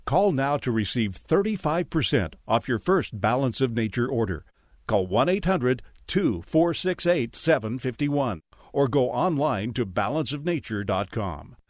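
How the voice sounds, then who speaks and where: A man reading a radio commercial in an energetic, persuasive way. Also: medium pitch, measured pace, dry recording, studio quality. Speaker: ad announcer.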